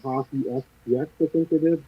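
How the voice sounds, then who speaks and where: A man's voice: medium pitch, fairly even intonation, brisk, breathy edge, no room sound. A man calling in to a live talk show, hesitant and trailing off with fillers, his voice sounding muffled as if underwater over the phone. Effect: muffled, underwater-sounding phone audio. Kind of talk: casual chat. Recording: muffled tinny phone line.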